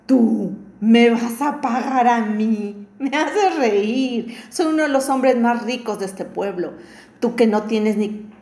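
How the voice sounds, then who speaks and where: A woman's voice: on the high side, animated, normal speed, darkish tone, natural voice. A woman voicing a scornful rich man. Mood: mocking. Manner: scolding, mocking. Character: proud rich old man, scornful and harsh. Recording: roomy echo.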